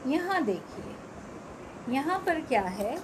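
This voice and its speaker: Woman teacher for small kids, high voice, very slow drawn-out drills, faint hiss behind. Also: sing-song. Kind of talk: Hindi phonics lesson for young children.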